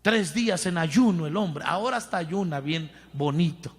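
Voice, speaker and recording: A man preaching a fervent sermon with a Mexican Spanish accent, often shouting and calling on the congregation to repeat after him. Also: fairly high pitch, normal speed, slightly rough, big-room sound.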